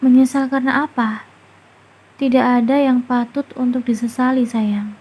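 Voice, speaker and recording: A woman voicing a middle-aged mother-in-law who soothes her tearful daughter-in-law while gently probing her. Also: fairly high pitch, little pitch movement, normal speed, slightly rough. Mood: soothing, probing.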